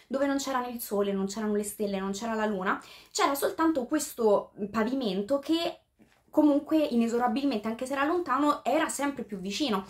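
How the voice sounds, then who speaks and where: A woman with a fairly high voice talks through a book chapter in a loose, casual way. She thinks aloud, stumbling and restarting as she goes, and every so often reads a passage aloud in English. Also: brisk. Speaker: book reviewer. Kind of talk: casual spoken book review.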